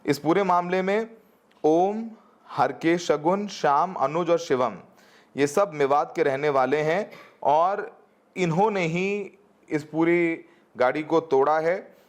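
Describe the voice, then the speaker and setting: A man reporting a news story in a halting way, with many filler sounds. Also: fairly high pitch.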